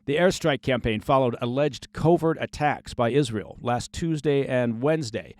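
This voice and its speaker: A man's voice: mid-range voice, moderate pace, darkish tone, dry recording, studio quality. A man hosting a daily news podcast, reading scripted commentary with sarcastic asides.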